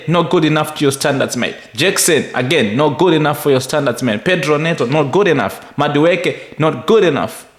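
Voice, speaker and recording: Young male fan, emphatic and exasperated, slightly high pitch, roomy echo. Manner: frustrated, emphatic, repetitive. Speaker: football fan reviewer. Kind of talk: ranting match review. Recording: echoey room.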